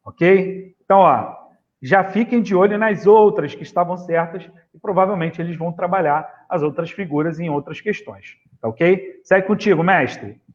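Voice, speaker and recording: Brazilian teacher on muffled audio. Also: male voice, high-pitched, normal speed. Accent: Brazilian Portuguese. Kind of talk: online exam-prep lesson.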